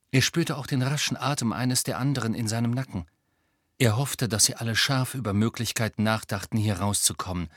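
Bright-voiced male audiobook narrator. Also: lowish voice, dry recording, studio quality. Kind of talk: scripted narration.

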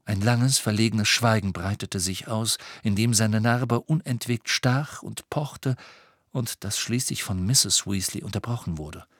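A man narrating an audiobook in a measured, even way. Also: fairly low pitch, no echo, studio quality. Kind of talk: scripted narration.

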